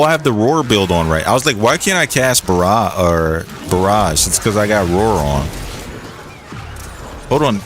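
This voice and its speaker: Deep-voiced young man rambling on stream. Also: a bit bright, slight background noise. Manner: rambling, loose, with lots of "like" and restarts. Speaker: game streamer. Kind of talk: casual gaming commentary.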